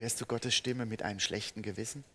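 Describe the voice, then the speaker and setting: A man preaching a sermon, earnest, asking his listeners direct questions, swinging between emphatic peaks and soft, slow passages. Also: fairly low pitch, steady tone, a little hiss or hum.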